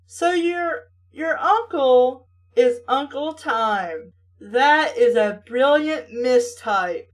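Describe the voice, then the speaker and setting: Recorded from some distance off the mic, a high-voiced female host reads stories aloud. Again and again she interrupts the text with sarcastic, mocking questions, talking back to what she reads.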